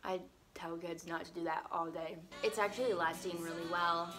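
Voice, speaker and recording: A woman's voice: fairly low pitch, steady tone, moderate pace. Chatty young woman vlogging over music. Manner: rambling, fills speech with "like". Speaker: vlogger and stage actress. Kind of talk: casual chatty vlog while doing makeup. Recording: music playing under the voice.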